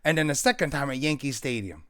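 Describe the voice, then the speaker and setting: A man's voice: mid-range voice, animated, fast, a bit bright. Inquisitive man in casual movie chat. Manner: inquisitive, tentative, often checks with "right?". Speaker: movie podcast co-host. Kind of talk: casual film discussion.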